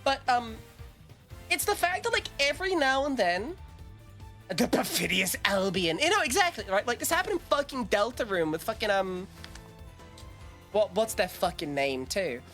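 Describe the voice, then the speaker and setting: A woman's voice: a little high, sing-song, moderate pace, a bit bright, faint music behind. Sarcastic profane woman streamer. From United Kingdom. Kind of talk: casual game commentary.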